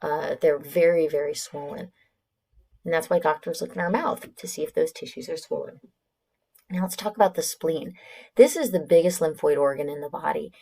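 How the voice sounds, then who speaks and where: A woman's voice: deep voice, dark tone. Casual Californian woman lecturing biology. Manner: explanatory, self-correcting, conversational asides. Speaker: biology instructor. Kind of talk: recorded lecture.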